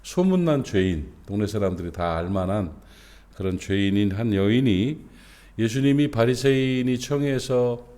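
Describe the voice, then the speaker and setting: A middle-aged male pastor delivers a dawn sermon, his pitch swinging widely as he talks it through. He leans on fillers and rhetorical questions, then climbs in force to stress his points. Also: lively intonation, normal speed, mellow. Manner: conversational preaching with rhetorical questions and many fillers; rising and emphatic when stressing a point. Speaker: senior pastor.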